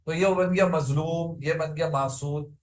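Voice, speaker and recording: Male teacher a high voice and tinged speech, drills a class repeated questions; roomy sound. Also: steady tone, a little slow. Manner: asks students repeated questions, chants word forms. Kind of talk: classroom grammar lesson.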